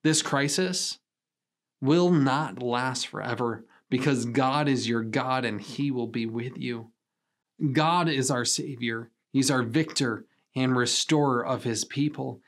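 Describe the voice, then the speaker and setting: A man pastor preaching a sermon in an earnest, measured way, with emphatic pauses. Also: mid-range voice.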